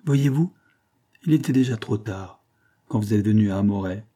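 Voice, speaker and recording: A man's voice: lowish voice, moderate pace, lightly acted. A man reading a novel aloud, voicing a big, kindly peasant charcoal-burner who speaks plainly and sighs. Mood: gentle, rueful. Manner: plain-spoken, gentle, sighing. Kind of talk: audiobook reading.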